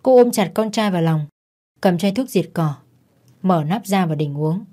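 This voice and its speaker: Mellow woman telling a dark story. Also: lowish voice, expressive, normal speed. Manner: tense, dramatic. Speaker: narrator. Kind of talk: dramatic story narration.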